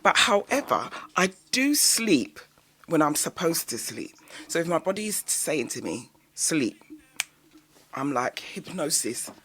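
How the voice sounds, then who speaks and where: Lively woman hosting a radio talk show. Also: low voice, measured pace, a little hiss or hum.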